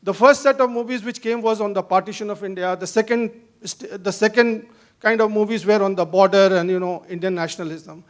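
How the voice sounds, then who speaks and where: A man giving an unscripted academic talk on a panel in a halting way, repeating filler phrases. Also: high-pitched, steady tone. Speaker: panel speaker.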